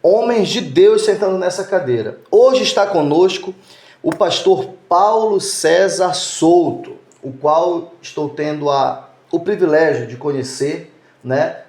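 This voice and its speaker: Upbeat male podcast host with a high voice, recorded in an echoey room. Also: darkish tone. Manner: upbeat and chatty, drawn-out greetings.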